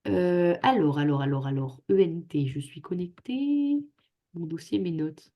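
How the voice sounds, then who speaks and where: A young woman with a lowish, expressive voice, speaking a little slowly, chats with the students she tutors over a video call. She jokes at her own expense throughout. The computer microphone gives it a lo-fi sound.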